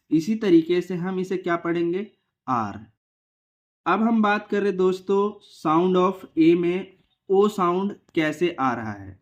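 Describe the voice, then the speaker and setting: A man teaching English vowel sounds, asking a question and answering it himself, repeating each word slowly. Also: sits high, highs cut off. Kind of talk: phonics lesson for beginners.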